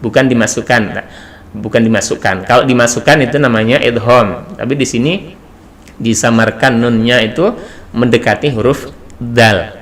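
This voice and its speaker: A man teaching a tajwid lesson, explaining slowly and chanting short demonstration sounds. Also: mid-range voice, a bit bright. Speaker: Quran recitation teacher.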